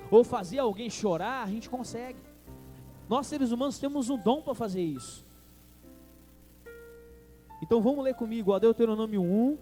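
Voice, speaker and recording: A man's voice: high-pitched, warm tone. A man with a Brazilian Portuguese accent preaching a sermon as pastor, calling out to the congregation. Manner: preaching with call-and-response to the congregation.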